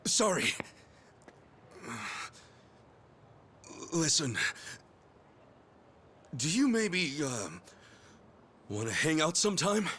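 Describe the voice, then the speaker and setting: Ichiban, an excitable, awkward middle-aged hero. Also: male voice, a little high, slow pace, a little hiss or hum, exaggerated voice. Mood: nervous, hesitant. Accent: American. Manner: stammering when nervous, bursting into yells when excited. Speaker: lead character in a video game cutscene. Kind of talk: animated game dub acting. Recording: loud music behind dialogue.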